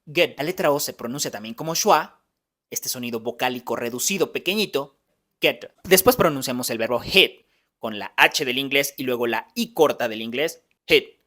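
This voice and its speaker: A man's voice: medium pitch, normal speed, bright, forceful tone. A man teaching English pronunciation in a phonetics lesson, patiently explaining each sound step by step.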